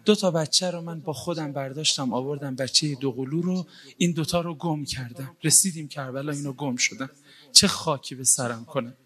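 A man's voice: a little high, pushed and bright. A man voicing a grieving mother in a retold story, sobbing and distraught. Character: grieving mother, tearful and overwhelmed.

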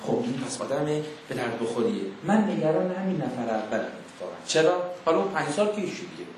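A man preaching a sermon to a young audience, emphatic and full of rhetorical questions, slowly intoning scripture verses in between. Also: on the high side, sing-song, a little mellow, slight background noise. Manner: emphatic, rhetorical questions, acts out mock dialogues. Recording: very echoey room.

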